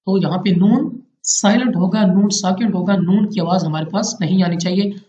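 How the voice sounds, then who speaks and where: A man's voice: sits high, moderate pace, mellow. Man methodically explaining recitation rules. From Pakistan. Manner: patient, repeats each rule methodically. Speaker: Quran recitation teacher. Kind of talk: step-by-step tajweed lesson. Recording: roomy, dull lo-fi home recording.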